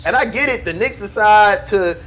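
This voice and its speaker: A man in casual, slangy sports banter as a podcast co-host, speaking with animated emphasis. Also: high voice, normal speed, rough recording.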